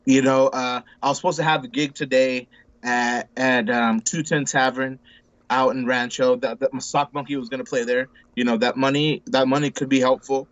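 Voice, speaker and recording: A man in his forties talks at a moderate pace with a mid-range, flat delivery and a fairly bright tone, recorded dry and lo-fi. He's a relaxed interview guest in casual conversation, rambling through restarts and repeated words and tossing out bro and dude constantly.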